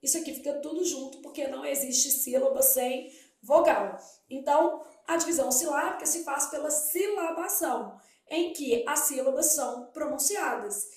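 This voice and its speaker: Teaching Portuguese for an exam, a woman from Brazil speaks in a high, slightly mellow voice at a moderate pace. She asks and answers her own questions to explain the points, recorded in an echoey room.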